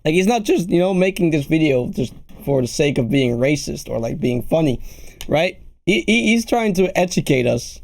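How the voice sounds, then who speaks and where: A man, hoarse and losing his voice, rambling casually as he reacts to a video. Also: fairly high pitch, lively intonation, moderate pace, darkish tone, dry recording, clean studio sound. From Netherlands. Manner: rambling, laid-back, calls the listener bro.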